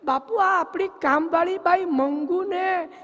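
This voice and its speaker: A man's voice: extremely high pitch, unhurried, pushed and bright, in a large hall, pitched above the performer's own voice, exaggerated voice. A man voicing a cheeky young male servant in a joke. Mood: sly.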